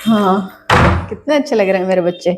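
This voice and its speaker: A woman playing a complaining, scolding mother in a comedy sketch, nagging in quick bursts. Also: mid-range voice, lively intonation, a little mellow, slight background noise, close to an everyday voice.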